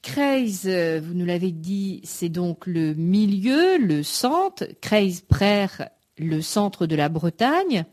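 A woman interviewing on the radio, summing up what her guest has said in a measured way. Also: fairly low pitch, sing-song, darkish tone. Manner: measured, sums up the guest's points.

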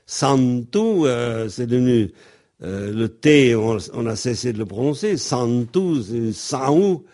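A man explains pronunciation at a slow, unhurried pace, pausing often on ums and restarts. He spells words out letter by letter like a patient teacher. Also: medium pitch, dark tone. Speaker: Breton language teacher.

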